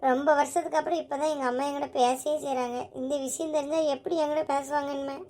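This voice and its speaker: A woman voicing a crying young village woman who speaks in a soft, wounded way to her lover in a family drama. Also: high-pitched, fairly even intonation, fast talker. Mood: tearful. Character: tearful young village woman torn in love.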